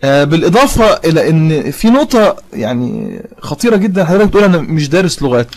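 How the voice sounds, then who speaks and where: A man's voice: a little high, very animated. A young man with an Egyptian accent, arguing as host of an online religious debate and reading quotations aloud. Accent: Egyptian Arabic. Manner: fast, argumentative, reads quotations aloud.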